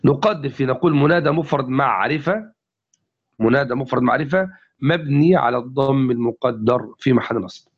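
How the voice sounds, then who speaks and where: A man's voice: medium pitch, a little fast, slightly rough. A male teacher giving a classical grammar lesson to a class, explaining step by step and repeating each example. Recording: dull lo-fi recording.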